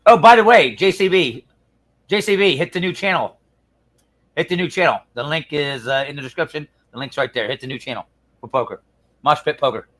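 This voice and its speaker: A man's voice: on the high side, brisk, fairly bright tone. A man hosting a live stream, chatting casually with viewers in crude, profane banter and mumbling to himself while he clicks around. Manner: mumbles while fiddling with screen. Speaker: livestream host.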